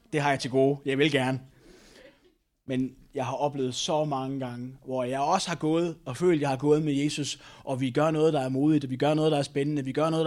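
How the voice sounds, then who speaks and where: Danish-speaking man preaching a lively sermon. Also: on the high side. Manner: storytelling, tag questions, repetitions. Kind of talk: sermon with personal story.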